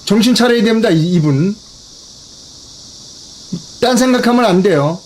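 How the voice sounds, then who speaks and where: An older man delivers a political commentary monologue in a fairly high voice. He presses his points with heavy repetition and keeps throwing rhetorical questions at the audience. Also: lively intonation, moderate pace, darkish tone. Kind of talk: political news briefing monologue.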